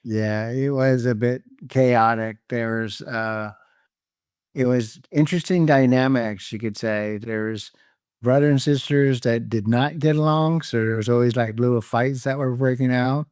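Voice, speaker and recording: A middle-aged man, born in Canada and raised in California, tells his life story as a podcast guest in a calm, reflective way. His voice is smooth and clear at a middling pitch, and the recording is dry and close. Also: a little slow, no room sound. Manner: calm, reflective, laughs lightly. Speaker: guest entrepreneur. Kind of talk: casual interview storytelling.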